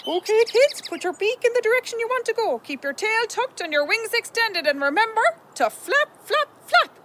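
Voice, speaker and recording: A man voicing a fussy little male finch father who gives his chicks a brisk flying lesson in a cartoon. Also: very high voice, very animated, pushed and bright, pitched above the performer's own voice, full character voice. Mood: instructive. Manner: brisk chirpy safety lecture.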